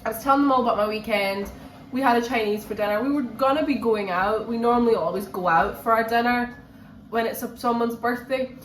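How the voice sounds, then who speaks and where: A book vlogger chats casually to camera in a reading vlog, sounding a bit run down with a cold and repeating phrases for emphasis. Her voice is on the high side and brisk. The room is echoey, with faint background noise.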